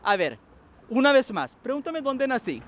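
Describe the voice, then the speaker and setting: A man with a very high voice hosts a lively street quiz. He teases his guest and hops between Spanish and English as he teaches. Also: moderate pace. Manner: animated, teasing, switches between Spanish and English. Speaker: game show host and English teacher. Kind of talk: playful street quiz show.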